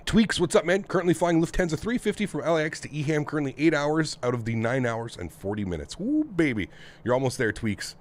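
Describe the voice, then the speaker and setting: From his home flight sim setup, a North American man hosts a casual live stream, greeting viewers one by one in an upbeat, friendly way. His voice is a little high, animated and brisk, but nasal and congested, his throat clogged from the weather.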